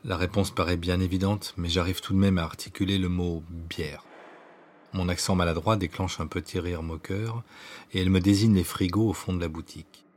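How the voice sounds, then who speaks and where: A man reading his own autobiographical story as scripted narration, in an intimate, hushed way that at times drops to a whisper. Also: low-pitched, fairly even intonation, normal speed. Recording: narration over clear background music.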